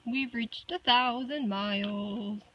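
A woman's voice: on the high side, slow, highs cut off, slight background noise. A young woman vlogging a long hike on a forest trail, talking casually to a camera held at arm's length. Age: young adult. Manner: chatty, loose with fillers like "like" and "so". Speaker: thru-hiker vlogger. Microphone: handheld camera at arm's length.

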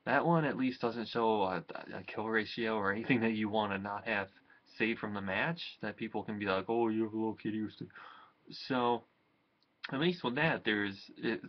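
A man's voice: lowish voice, fairly even intonation, moderate pace, dull audio. A man casually rambling through a gaming tip video, restarting sentences and chuckling between thoughts. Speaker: gaming vlogger.

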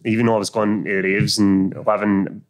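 A man's voice: fairly low pitch, flat delivery, fairly quick. A man with a Glasgow street accent telling stories in a blunt, sweary, slangy way in casual chat. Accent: Glasgow area Scottish street accent. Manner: blunt, slangy, sweary, peppered with 'mate' and 'know what I mean'. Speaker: podcast guest. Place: small indoor podcast studio. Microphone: close studio microphone on a stand.

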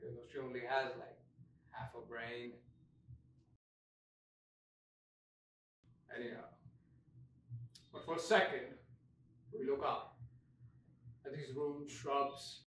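Brief: sardonic tiger spirit, played by a male actor, bright, forceful voice, echoey room, mic at a distance. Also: mid-range voice, steady tone, measured pace, long pauses, lightly acted. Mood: rueful. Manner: wry, rambling storyteller, swings loud and soft. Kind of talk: solo stage monologue.

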